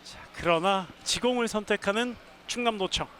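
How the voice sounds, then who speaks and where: A high-voiced man calls a live handball game over clearly audible hall noise. He works as the play-by-play announcer, following each pass and given to excited, drawn-out shouts on scoring plays. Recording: clear arena noise behind the voice.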